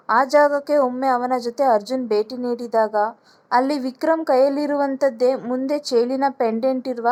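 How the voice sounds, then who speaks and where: A woman's voice: high voice, darkish tone. Woman narrating a dramatic serial story.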